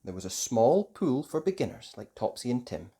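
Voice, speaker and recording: The speaker is a storyteller for young children, giving scripted narration full of expression. The pitch sits in the middle, and the pace is deliberate and sing-song.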